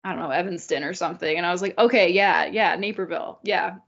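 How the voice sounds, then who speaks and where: A woman's voice: lowish voice, fast, gravelly. A young woman from Illinois co-hosting a podcast, rambling in casual chat, swearing freely and laughing often. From Illinois, USA. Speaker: podcast co-host. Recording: dull lo-fi sound.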